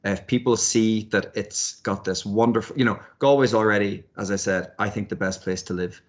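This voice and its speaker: A university lecturer and researcher, interviewed here, answers thoughtfully but hesitantly, often repeating words as he works out his ideas. His voice is fairly low, with a steady tone and moderate pace.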